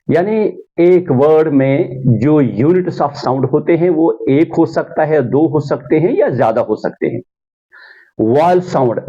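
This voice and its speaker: Male English tutor, slightly high voice, unhurried classroom delivery, lo-fi recording. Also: warm tone. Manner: slow, deliberate, drawing out example words; mixes Hindi-Urdu explanation with English examples. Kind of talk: classroom lesson on pronunciation. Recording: dull, lo-fi sound.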